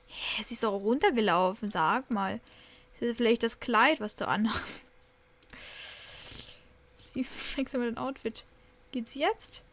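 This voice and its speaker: A young woman casually commenting while she plays a life-simulation game, chatty and cooing excitedly over new kittens. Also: fairly high pitch. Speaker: Sims let's play host.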